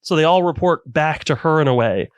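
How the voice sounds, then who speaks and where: Man, podcast co-host, casual anime chat, enthusiastic, slightly high voice, dry sound. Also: a little fast, smooth, dry recording. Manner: enthusiastic, animated retelling.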